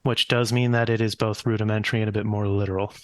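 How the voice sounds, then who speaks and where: A man playing a tabletop game, reasoning through it in a measured, analytical way. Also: fairly low pitch, level tone, no echo. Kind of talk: in-game discussion.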